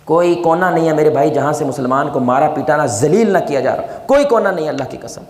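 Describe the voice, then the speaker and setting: A man preaching a sermon, impassioned, swinging from loud, high appeals to low, hushed prayer and calling listeners his brothers. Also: lively intonation. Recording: echoey hall with long reverb.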